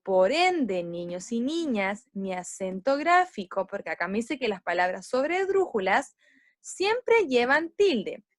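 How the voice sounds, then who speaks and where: A woman teaching young children, explaining step by step and drawing out syllables slowly as she models words. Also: on the high side, very animated, no echo, clean studio sound. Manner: slow, stressed syllables when modeling words. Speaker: primary school teacher.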